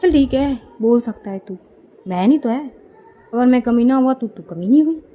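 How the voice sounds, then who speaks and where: A woman's voice: a little high, expressive, moderate pace, mellow, natural voice. A woman voicing a playful, mischievous older male cousin who teases his sister. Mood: teasing. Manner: teasing, cheeky.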